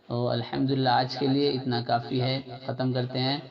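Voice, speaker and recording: A man teaching tajweed step by step, repeating letters and phrases slowly for learners to copy, at times chanting verses in a drawn-out melodic way. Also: medium pitch, little pitch movement, gravelly. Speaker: Quran recitation teacher. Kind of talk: slow step-by-step tajweed lesson. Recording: dull lo-fi sound with crowd noise behind.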